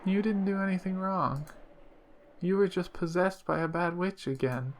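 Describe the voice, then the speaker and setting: An eerily calm little girl with a soft, childlike lilt, slow and sweet, as a man puts her on while reading. Her voice sits higher than his usual reading voice, with a faint hiss underneath.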